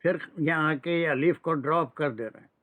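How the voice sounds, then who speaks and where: A man's voice: a little high, moderate pace, a bit bright, no room sound. A man teaching grammar in an online class, patiently drilling verb forms and slipping into English phrases. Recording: dry, tinny phone-like audio.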